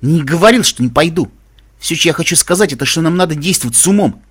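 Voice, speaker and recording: A man's voice: fairly high pitch, expressive, quick pace, fairly bright tone, breathy edge, voice pushed up. Give me a brash male pegasus pony, played by a man, blunt and teasing. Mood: firm.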